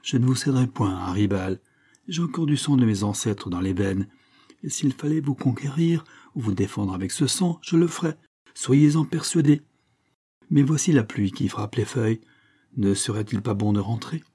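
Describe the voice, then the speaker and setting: A man reading the part of a calm, proud aristocratic suitor who speaks in a courtly, composed way. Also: medium pitch, normal speed, husky. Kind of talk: audiobook reading.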